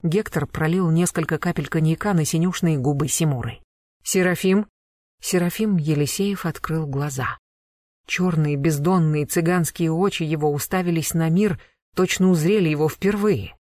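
An audiobook narrator reading a dramatic chapter in a measured, expressive way. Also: mid-range voice, no echo, studio quality.

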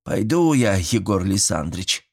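A man's voice: deep voice, very animated, normal speed, breathy edge, exaggerated voice. A man voicing a fussy, good-natured old village grandfather who talks in folksy rural speech, sighing and fretting. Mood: fretful. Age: older.

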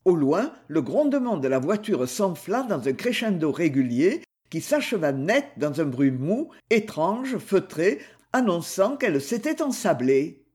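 A man narrating a novel for an audiobook with an expressive, dramatic delivery. His voice is fairly high and swings widely in pitch. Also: measured pace.

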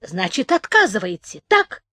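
A woman's voice: medium pitch, big pitch swings, a little slow, pushed and bright, no echo, exaggerated voice. A woman doing a grumbling stubborn old village man. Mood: sly, threatening. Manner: grumbling, quarrelsome, rustic speech.

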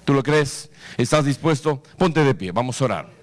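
A man's voice: medium pitch, expressive, normal speed. A male pastor preaching a sermon, telling the story dramatically with vivid sound effects and exhorting his listeners directly.

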